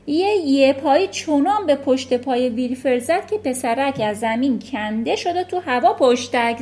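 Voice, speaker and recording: A woman narrating a children's novel aloud with a lively, expressive reading. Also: sits high. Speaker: audiobook narrator. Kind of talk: storybook narration.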